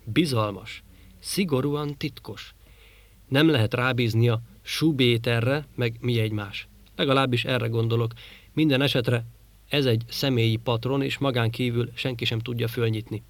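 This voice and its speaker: A man's voice: medium pitch, steady tone, dry recording, natural voice. A man reading as Gorm, a grinning young trader. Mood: breezy. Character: grinning young male trader, easygoing and curious. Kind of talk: audiobook character voice.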